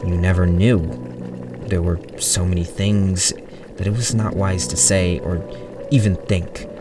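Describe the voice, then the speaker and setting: Deep male narrator, quiet and measured, slightly off-mic over soft music. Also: far from the mic. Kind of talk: horror story reading.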